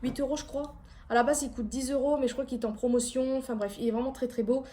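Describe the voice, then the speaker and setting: A woman's voice: high voice, steady tone, fast, warm tone. A young woman chatting casually at home in a rambling, self-deprecating way, showing her haul to camera. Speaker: vlogger.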